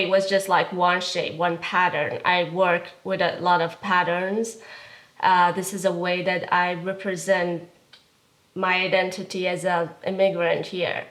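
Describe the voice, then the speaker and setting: In a relaxed interview set in an art studio, a young visual artist from Iran's Kurdistan region speaks with a voice on the low side. She sounds hesitant, frequently using fillers as she hunts for the right words.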